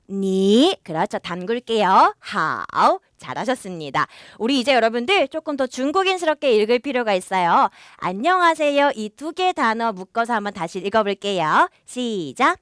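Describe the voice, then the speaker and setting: A woman's voice: fairly high pitch, no echo, clean studio sound. A woman teaching a language lesson, talking straight to learners and drawing out the practice words. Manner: lively, coaxing, addresses learners directly, models pronunciation drawn out.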